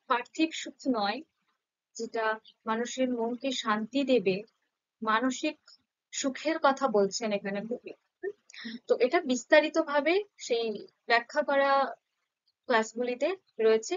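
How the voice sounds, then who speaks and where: A woman teacher explaining a Bengali grammar lesson patiently, slowly sounding out syllables for her students. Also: a little high, clear, resonant tone, dry recording, highs cut off.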